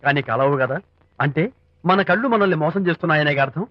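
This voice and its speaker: An actor playing a young film hero who lashes out with fiery insults in dubbed film dialogue. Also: male voice, on the high side, animated, fairly quick, no room sound, natural voice. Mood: gentle. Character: young hero defending his father. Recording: dry, dull film track with music.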